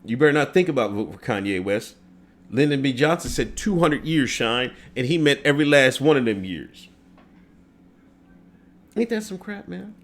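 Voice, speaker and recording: A middle-aged man chats through a casual livestream in a mid-pitched voice. His pitch swings widely as he talks, and he breaks into laughter often between loose, filler-heavy sentences. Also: big pitch swings, normal speed, pauses often. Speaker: show host.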